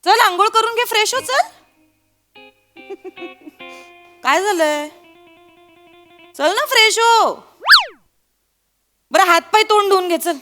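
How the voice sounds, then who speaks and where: A woman's voice: extremely high pitch, lively intonation, slow, pauses often, over music, heavily acted. A woman acting a teasing wife in a stage comedy sketch, who coaxes and needles her husband with dramatic exclamations. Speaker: comedic actor.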